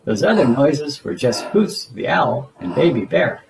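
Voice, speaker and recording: A man's voice: medium pitch, sing-song, measured pace, vocal fry, background noise. Big Bird, big childlike bird acted by a man. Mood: reassuring. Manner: innocent, exclamatory.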